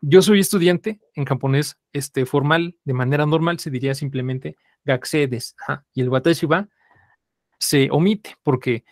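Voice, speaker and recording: A man's voice: fairly high pitch, moderate pace, dry recording, studio quality. A man teaching a live language class, repeating students' answers and saying "ajá" constantly.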